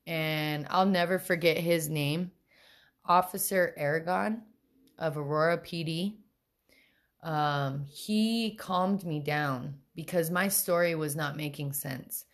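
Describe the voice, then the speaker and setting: This deep-voiced young adult podcast co-host shares a personal anecdote in relaxed conversation, bringing it to life with animated delivery and many quoted voices.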